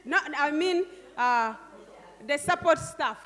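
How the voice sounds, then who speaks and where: In a hall with long reverb, an older Ugandan woman runs a group workshop, prodding and guiding people with frequent questioning tags. Her voice is high-pitched and a bit bright, with lively intonation and a slow pace.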